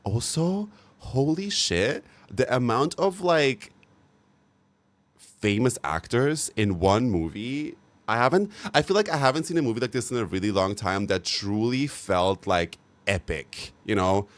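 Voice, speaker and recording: A young man chats casually with his livestream viewers in a mid-range, expressive, unhurried voice. He gushes and speaks frankly, sometimes profanely, with plenty of fillers and repeated words.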